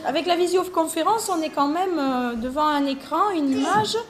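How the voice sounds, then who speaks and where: A woman teacher patiently answering schoolchildren's questions, explaining things simply with pauses. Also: high voice. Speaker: teacher running video calls with English pupils. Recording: noisy classroom with crowd chatter. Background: children chattering.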